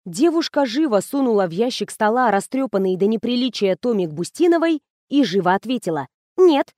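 A woman narrating a novel in the first person, in a lively, ironic manner. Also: fairly high pitch, a little fast, dry recording, studio quality. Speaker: audiobook narrator.

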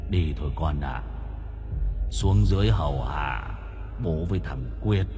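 A man voicing the ghost of an old father-in-law, low and hollow, coaxing in a slow drawn-out wail. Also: lively intonation, over music, exaggerated voice. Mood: eerie coaxing. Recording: long hall reverb.

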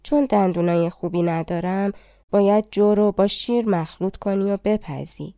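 Brief: old loyal war horse, read by a woman, gentle courtly tone, dry close audiobook sound. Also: medium pitch, dry recording, natural voice.

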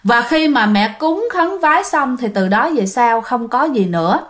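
A woman's voice: on the high side, expressive, normal speed. A woman tells a ghost story. She keeps it casual and chatty and speaks directly to her listeners.

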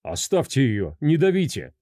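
A man's voice: medium pitch, wildly swooping pitch, moderate pace, warm tone, no echo, clean studio sound. A man playing a shocked husband who turns furious and incredulous. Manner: incredulous, raised voice. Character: shocked angry husband, middle-aged man.

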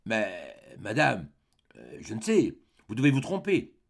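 A man's voice: a little high, steady tone, normal speed, gravelly, pitched above the performer's own voice. A man voicing an elegant wealthy woman. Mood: puzzled.

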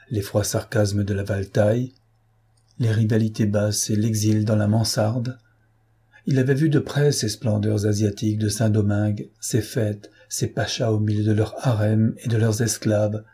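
Dark, husky male audiobook narrator. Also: medium pitch. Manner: measured and expressive reading.

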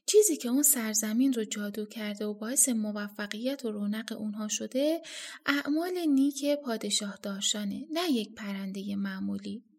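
A woman voicing a stern, commanding old male hermit sage who scolds slowly and weightily in a storybook reading. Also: mid-range voice, darkish tone, voice pushed down, lightly acted. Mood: scolding. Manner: slow, scolding, weighty delivery.

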